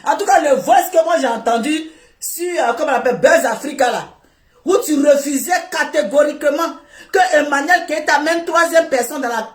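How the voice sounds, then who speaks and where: A woman ranting at a man in heated commentary, scolding him over and over and breaking into shouts. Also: sits high, moderate pace, reverberant. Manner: scolding, repetitive, bursts of shouting. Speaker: online commentator.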